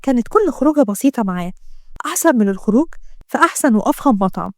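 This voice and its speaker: A woman with an Egyptian accent telling a first-person story in a lively, chatty way. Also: fairly high pitch, rapid-fire, no echo, clean studio sound. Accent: Egyptian Arabic.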